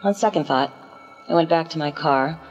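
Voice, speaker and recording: A woman giving steady first-person narration of a dark radio-play story, with a menacing edge. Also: low voice, normal speed. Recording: slightly muffled, with faint music underneath.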